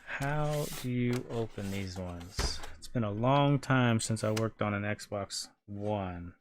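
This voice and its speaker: A man's voice: on the low side, lively intonation, takes it slowly, noisy background. A man hosting a console repair stream, chatting casually and muttering to himself while he works, with casual swearing. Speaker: repair channel host.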